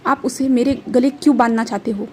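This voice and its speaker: Brief: woman voicing a spoiled, whining young man, mellow tone. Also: fairly high pitch, fairly even intonation, a little fast, slight background noise, lightly acted. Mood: whiny.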